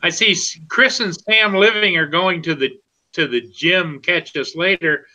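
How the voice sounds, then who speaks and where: A man's voice: fairly high pitch, unhurried, pushed and bright, poor audio. A man in his sixties chatting on a stream, cracking wry jokes and stammering on repeated words. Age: 60s. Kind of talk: casual chat on a live stream.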